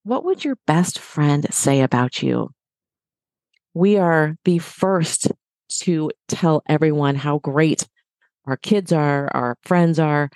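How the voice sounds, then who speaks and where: A woman's voice: deep voice, expressive, takes it slowly, darkish tone, no room sound. A middle-aged woman, a fitness expert, giving an encouraging motivational talk straight to listeners on a podcast.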